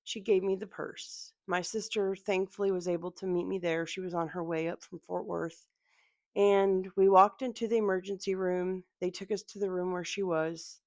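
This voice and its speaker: A woman's voice: fairly low pitch, fairly even intonation, moderate pace, darkish tone, no room sound. A woman vlogger telling a personal story to her viewers in an earnest, direct way.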